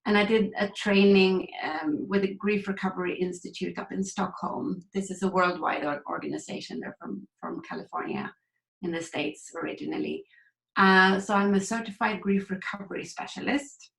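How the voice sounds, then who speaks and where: A woman's voice: mid-range voice, normal speed, gravelly, reverberant, rough recording. A woman from Sweden, a grief recovery coach, telling her story candidly and reflectively as an interview guest. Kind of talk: conversational interview.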